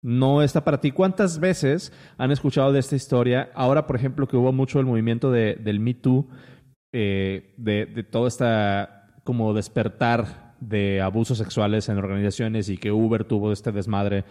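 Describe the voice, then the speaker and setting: A man's voice: mid-range voice, steady tone, normal speed, dark tone, in a large hall. A man with a Mexican accent hosting a casual podcast chat, rambling with many restarts and fillers. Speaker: podcast host.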